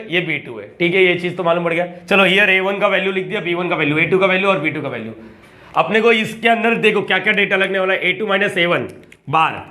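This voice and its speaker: A man's voice: high-pitched, bright, forceful tone. A young man teaching math in a chatty lecture, coaxing and quizzing his students as he works through problems. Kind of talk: classroom lecture.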